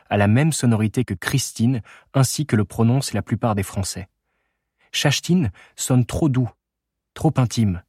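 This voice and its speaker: A man narrating a literary audiobook in a measured, unhurried reading. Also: on the low side, a little mellow, dry recording, studio quality.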